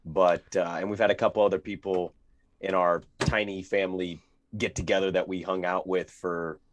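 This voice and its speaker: Nasal low-voiced podcast co-host man. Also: level tone, normal speed, a little hiss or hum. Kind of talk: casual sports podcast chat.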